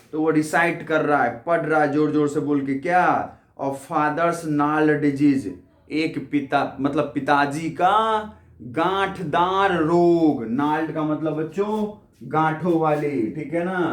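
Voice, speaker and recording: A male teacher explaining a poem line by line, repeating word meanings and spelling words out letter by letter. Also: on the high side. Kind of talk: Hindi-English poetry lesson explanation. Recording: echoey room.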